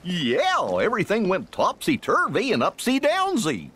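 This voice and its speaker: A man's voice: high-pitched, wildly swooping pitch, a little slow, sharp tone, a little hiss or hum, heavily acted. A man voicing an easygoing, goofy cartoon dog with a folksy drawl.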